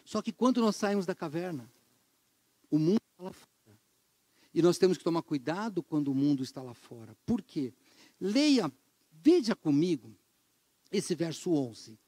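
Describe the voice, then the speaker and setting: Middle-aged Brazilian male pastor, high-pitched, animated sermon delivery, dry recording. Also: moderate pace, pauses often, no room sound. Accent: Brazilian Portuguese. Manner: animated, acts out quoted complaints with sudden pitch jumps; drops to a hushed low voice for emphasis.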